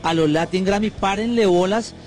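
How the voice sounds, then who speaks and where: A man hosting a morning radio show, with a high voice and a Colombian accent. He talks in quick, chatty, joking banter with his co-host. Faint music plays behind him. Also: darkish tone.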